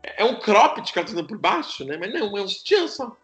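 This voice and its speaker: A man with a high, bright voice rattles off comic stories in casual chat. He acts out the people in his tales as he goes. Faint music plays underneath. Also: fast talker. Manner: animated storyteller, acts out quotes.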